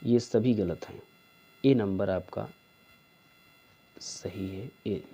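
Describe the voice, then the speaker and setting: A man teaching a spelling lesson for exam preparation, going slowly through each answer and checking in with "theek hai". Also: lowish voice, mellow, breathy edge. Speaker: Hindi teacher.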